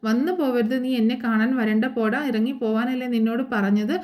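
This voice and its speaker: A woman voicing a furious, heartbroken mother who is cursing her son, reading the lines quickly and close to her own voice. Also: fairly high pitch, fairly even intonation, darkish tone, lightly acted. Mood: bitter scolding.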